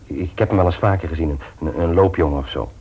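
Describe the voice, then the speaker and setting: Poor audio captures a male actor in a naturalistic Dutch radio drama, his voice low, mellow, and husky as he talks quickly. His character is a conscientious, troubled family man and office worker acting as a jovial host, and he speaks in a hesitant, earnest, confiding, casual way.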